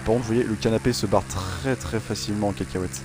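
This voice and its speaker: This gaming channel host has a lowish, steady voice and a quick pace. He rambles and jokes casually over his racing gameplay, using many fillers and restarts, while game sounds and music keep the background noisy.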